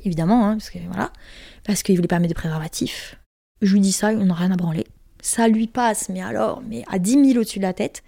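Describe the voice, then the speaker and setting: A woman's voice: fairly high pitch, dark tone, no echo, clean studio sound. A young woman from Corsica frankly telling a personal story in casual talk, crude and emphatic, acting out what people said. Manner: frank, crude, emphatic retelling with acted quotes.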